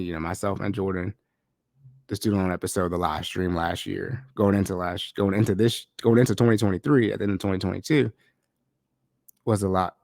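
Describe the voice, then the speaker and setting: A man with a lowish voice hosts a casual solo podcast, recorded on a podcast microphone with clean, echo-free studio sound. His chatty, slangy delivery is loose, and he sounds a little congested and nasal from a cold.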